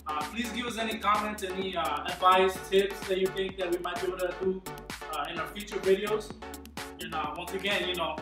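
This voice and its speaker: A man with a fairly high voice talks through a cooking demonstration in an easygoing way, pausing often with ums and uhs. Clear background music plays under his voice throughout. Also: rough recording. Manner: relaxed, many ums and uhs while explaining. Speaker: cooking video host.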